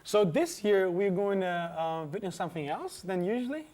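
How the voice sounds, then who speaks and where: A man's voice: high voice, sing-song, normal speed, a little mellow. A man hosting a student TV magazine, chatty, interviewing a guest and introducing items, with stumbling restarts. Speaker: host and interviewer.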